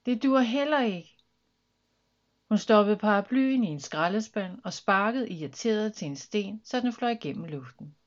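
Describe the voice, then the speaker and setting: A woman's voice: mid-range voice, few pauses, muffled recording. Woman reading a children's story. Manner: lively, expressive reading.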